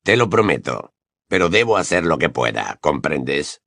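A man reading an audiobook who voices a weary fugitive wizard, speaking in a low, reassuring way. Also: very animated, normal speed, gravelly, fairly bright tone, heavily acted. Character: weary, loyal grown man, a wizard on the run.

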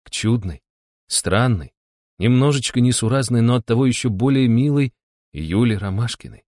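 A man's voice: mid-range voice, animated, normal speed, mellow, no room sound, studio quality. A man narrating a humorous novel as an audiobook in a wry, ironic tone. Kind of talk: audiobook reading.

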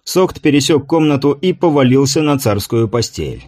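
A man reading a novel aloud as an audiobook narrator, in a measured, even manner. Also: mid-range voice. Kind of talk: scripted narration.

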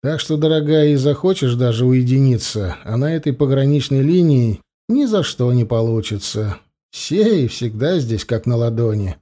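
Reader as officer: steady, dry humor, mellow. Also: male voice, mid-range voice, moderate pace, lightly acted. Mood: calm. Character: lieutenant colonel, family man, calm and wry.

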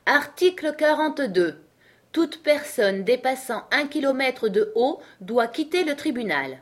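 A woman voicing a pompous old king in a storybook reading, solemn and blustering, a little higher and louder than her own voice. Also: very animated, measured pace, exaggerated voice. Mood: grave, pompous.

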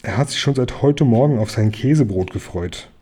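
Mellow, husky male storyteller. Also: medium pitch, lively intonation, moderate pace. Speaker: audiobook narrator. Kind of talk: scripted children's story narration.

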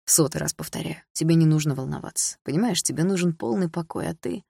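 Woman doing a cold stepdad, low and quietly menacing, a dry husky read. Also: fast talker, no echo, full character voice. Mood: smug. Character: cold, smug stepfather, a man.

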